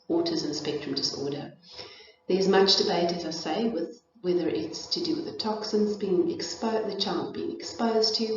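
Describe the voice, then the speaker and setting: A middle-aged South African woman, lowish in pitch, talks through a lesson in a thoughtful way, often pausing on fillers and restarting her sentences. She sounds set back from the microphone in a very echoey room, and the sound is a little dull with a faint hiss behind her. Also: a little mellow, far from the mic. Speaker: presenter of a parenting and child development talk. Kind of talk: informal educational talk.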